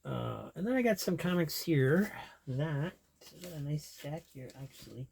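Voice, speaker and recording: A man's voice: on the high side, lively intonation, unhurried, creaky, a little mellow, slight background noise. Rambling, chuckling male vlogger. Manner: rambling, chuckles to himself, trails off. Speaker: comic collector vlogger. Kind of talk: casual chat.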